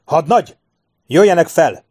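A man voicing a commanding male officer who shouts urgent orders in battle. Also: on the high side, expressive, no echo, clean studio sound, pitched above the performer's own voice. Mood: shouting orders.

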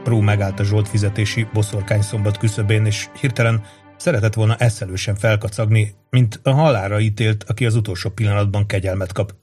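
A man narrating a novel as an audiobook, in a steady storytelling manner. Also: lowish voice, soft background music. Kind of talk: scripted narration.

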